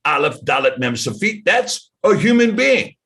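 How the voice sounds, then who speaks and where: A man teaching scripture in a casual, animated way, firing off rhetorical questions and jokey asides to himself. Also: high-pitched, normal speed. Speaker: Bible teacher.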